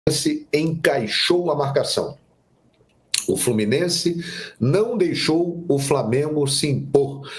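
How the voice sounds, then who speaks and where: Animated man commenting on football. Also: on the high side, slow. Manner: opinionated, animated delivery. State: nagging cough. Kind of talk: sports commentary show.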